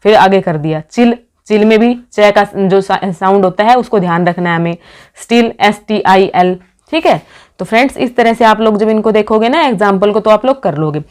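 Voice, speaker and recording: A woman teaching an exam-prep phonetics lesson at a middle pitch. She talks to her students as friends and keeps asking questions that she answers herself. She reads out example words one at a time. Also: moderate pace, a little mellow, clean tone. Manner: calls the class "friends", asks questions and answers them herself.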